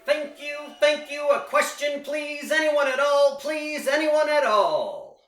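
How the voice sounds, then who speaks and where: A man's voice: very high-pitched, expressive, takes it slowly, a bit bright, full character voice. A man playing a showy music hall memory performer in an audio play, courteous and declamatory as he recites to a crowd. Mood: eager, showy. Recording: roomy, echoing home recording.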